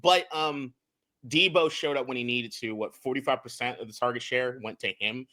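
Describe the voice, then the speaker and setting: This young co-host of a laid-back sports podcast analyzes game film at a moderate pace, his mid-range voice bright and forceful. His delivery is animated and full of swearing, with stumbles as he restarts words.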